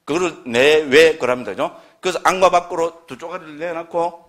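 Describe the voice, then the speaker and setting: Gyeongsang-accented man lecturing, pitched a bit high. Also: fairly quick. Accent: Gyeongsang Korean. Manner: keeps asking the class for agreement, lively and conversational. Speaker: Buddhist scripture lecturer. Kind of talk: classroom lecture on early Buddhist texts.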